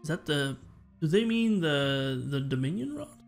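A man's voice: fairly high pitch, expressive, measured pace, faint music behind. A man streaming a video game, muttering casual asides and puzzling aloud. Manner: mumbles asides while reading and puzzling aloud. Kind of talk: casual gameplay commentary.

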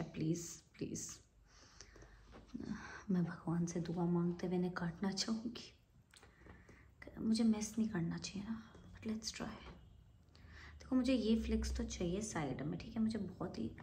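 A young woman talks straight to her phone camera in a relaxed home vlog. She switches easily between Hindi and English, sometimes playful and sometimes dropping into nervous half-whispers. A faint hiss sits under her voice. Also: mid-range voice. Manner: chatty, mixing Hindi and English, swings from playful to anxious muttering. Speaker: vlogger. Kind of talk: casual self-filmed vlog. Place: home room.

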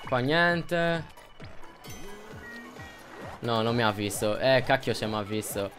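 A young man doing gameplay commentary, excitable, repeating himself and yelping when things go wrong. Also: medium pitch, slow pace, faint music behind. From Italy. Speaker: gaming youtuber.

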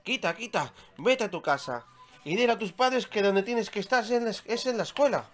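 A man voicing a haughty, snappish rich older lady in a children's story, with a high, scolding voice. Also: animated, brisk, soft background music. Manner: high, scolding, then shrieking for help.

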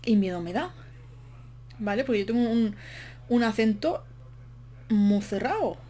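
On the high side, animated, unhurried, and warm, a woman's voice comments casually on her in-game building. She's chatty and rambling, short of breath, and full of self-mocking asides.

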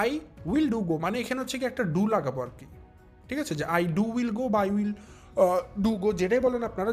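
A young man hosting a casual commentary vlog, talking straight to his viewers and mocking the people he discusses with drawn-out, emphatic stresses. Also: sits high. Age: young adult. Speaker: commentary channel host.

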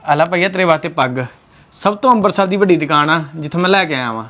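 Brief: quick-talking man, earnest and pleading, fairly high voice. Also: lively intonation, fairly bright tone. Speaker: brother. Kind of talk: family short-film acting.

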